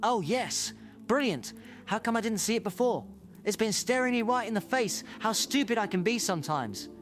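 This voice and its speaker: A man playing an excitable, eccentric time traveller in a fan audio drama, rambling theatrically to himself. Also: high voice, moderate pace, soft background music. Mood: excited realisation. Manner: theatrical, rambling self-talk.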